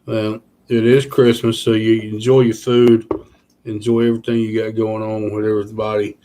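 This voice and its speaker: A man's voice: fairly low pitch, completely flat delivery, normal speed, warm tone. Tired man rambling on a livestream. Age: 30s. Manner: rambling, folksy, lots of fillers. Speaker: channel host. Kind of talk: casual live-stream chat.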